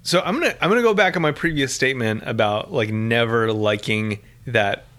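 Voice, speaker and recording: Dry-witted man, mid-pitched voice. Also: brisk, a bit bright. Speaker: podcast co-host. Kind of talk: casual chat.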